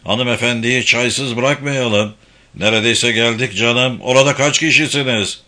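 A man voicing a hoarse male rescue digger in an audiobook, calling out in a coaxing, reassuring way. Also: mid-range voice, fairly even intonation, measured pace, pushed and bright. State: hoarse from shouting.

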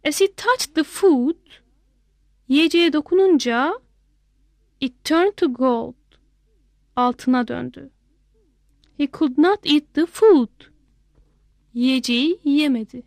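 Slow, high-voiced woman reading a story. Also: no echo, clean studio sound. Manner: plain, simple sentences, slow and even. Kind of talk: bilingual read-aloud story, each line then its translation.

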